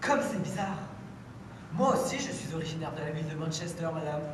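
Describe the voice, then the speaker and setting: A teenage girl playing a prim, bewildered English gentleman in an amateur stage performance, formal and overly polite, heard from far off in an echoey hall. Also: sits low, animated, fairly quick, noisy background. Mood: puzzled politeness. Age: teens. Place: school show in a hall.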